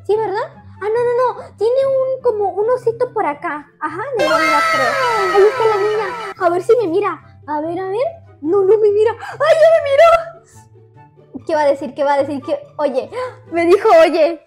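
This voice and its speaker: A woman giving excitable, giggly commentary over a game. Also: very high-pitched, normal speed, faint music behind. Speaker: gaming YouTuber. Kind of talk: casual gameplay commentary.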